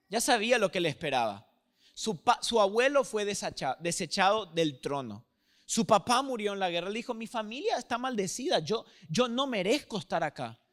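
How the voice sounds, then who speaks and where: A male pastor preaching a sermon, moving between hushed lines and loud emphatic peaks and acting out quoted inner voices. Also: sits high.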